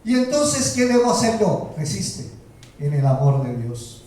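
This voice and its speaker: A male pastor delivering a slow, emphatic sermon and asking rhetorical questions of the congregation. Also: sits high, very animated, warm tone. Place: church sanctuary. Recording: roomy echo, heard from a distance.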